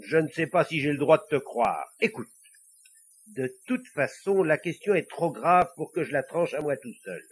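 A man's voice: a little high, animated, normal speed, breathy edge. A man voicing a flustered, startled village priest in a storybook reading. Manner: flustered, exclaiming.

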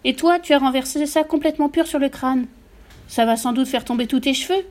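Woman voicing a shrill, scolding mother. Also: a little fast, natural voice. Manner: shrieking, sharp-tongued. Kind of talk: audiobook reading.

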